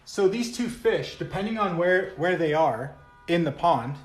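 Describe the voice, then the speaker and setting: Male coach, fairly high voice, unhurried, conversational teaching style, roomy echo, alarm beeping in background. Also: lively intonation. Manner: conversational, with frequent check-in questions. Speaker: coach giving a talk. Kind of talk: informal motivational teaching talk. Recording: echoey room.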